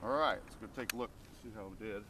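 Man explaining a gun outdoors, low voice. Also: quick pace, heavy background noise. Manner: plain, matter-of-fact explaining with frequent uh and um. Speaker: firearms demonstrator. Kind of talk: casual outdoor demonstration. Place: outdoor shooting range in open field. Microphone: camera mic on tripod.

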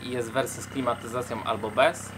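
A man's voice: mid-range voice, fairly even intonation, quick pace, noisy background. A young man travel vlogger reading out viewer questions and explaining plainly in casual chat.

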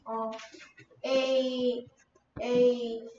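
A female student giving soft, hesitant short replies in a one-on-one English lesson. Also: a little high, level tone, extremely slow. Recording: roomy, dull and a bit noisy.

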